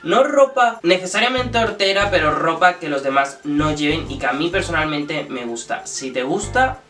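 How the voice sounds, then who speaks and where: Young man, slightly high voice, chatty animated haul vlogger, echoey room with music behind. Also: moderate pace, recorded from a distance. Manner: chatty, animated, jokey asides. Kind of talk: casual haul vlog. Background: background music.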